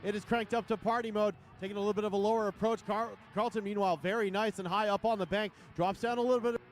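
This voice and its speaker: High-pitched hype announcer at a drift event. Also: male voice, quick pace, slight background noise. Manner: dueling hype announcer, excited play-by-play. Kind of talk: hyped live motorsport commentary. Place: outdoor race track event.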